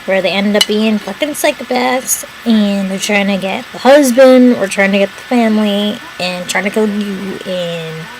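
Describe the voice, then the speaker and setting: A woman's voice: mid-range voice, moderate pace, hardly any pauses, poor audio. A young woman in casual chat as a mukbang vlogger, rambling and swearing casually while she eats. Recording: noticeable background noise.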